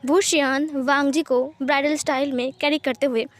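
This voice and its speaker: High-voiced woman narrating a story. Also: fairly even intonation, normal speed. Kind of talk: narrating fan fiction. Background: faint music.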